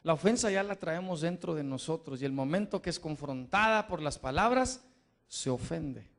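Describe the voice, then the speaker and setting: High-voiced emphatic middle-aged preacher man. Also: lively intonation, normal speed. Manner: emphatic, repeats questions, rises to shouting. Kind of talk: sermon to a live congregation.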